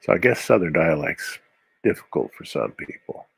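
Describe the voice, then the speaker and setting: Drawing on a live stream, a Midwestern American comic artist talks casually, muttering to himself between strokes with rambling asides. His low voice is expressive and slightly rough, with vocal fry and a bit of brightness, at a normal pace.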